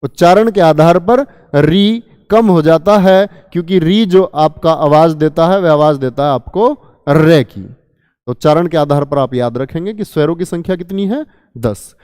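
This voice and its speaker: Male teacher, high voice, quizzes then answers himself, dry close sound, long reverb tail. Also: unhurried, a little mellow, clean tone. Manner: asks students questions and answers them himself; calls listeners children. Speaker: Hindi teacher. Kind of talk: exam-prep grammar lesson.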